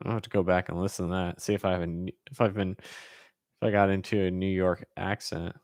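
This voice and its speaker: A man from California, United States, hosts a casual Q&A chat, answering viewer questions informally and rambling as he thinks aloud. His voice sits low with a flat delivery, a quick pace, and a darkish tone. The studio-quality recording has no echo.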